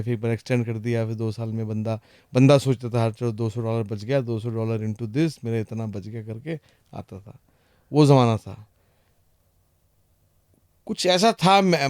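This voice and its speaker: A man's voice: fairly low pitch, darkish tone, clear, resonant tone, dry recording, studio quality. A middle-aged man from India with an Indian accent, a guest in casual chat, mixing English phrases and often adding "right?" and "you know".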